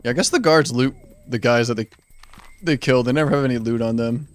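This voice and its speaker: Brief: man, mid-pitched, loose rambling game-stream commentary, half talking to himself. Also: fairly quick. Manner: rambling, thinking aloud with frequent "like". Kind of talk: casual gameplay commentary.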